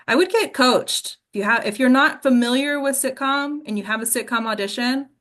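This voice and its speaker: A woman with a high-pitched, slightly bright voice speaks at a normal speed while teaching a class as an acting coach. She explains things informally and keeps checking in with her listeners, asking "okay?" and "right?"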